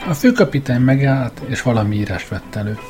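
A man giving a measured, scripted first-person narration of a story as an audiobook reader. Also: medium pitch, animated, darkish tone, soft background music.

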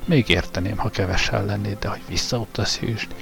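A brutal, mocking guard who taunts his victim in a coarse, low voice, as a male narrator plays him. The scene is read as an audiobook with faint music beneath. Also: steady tone, creaky.

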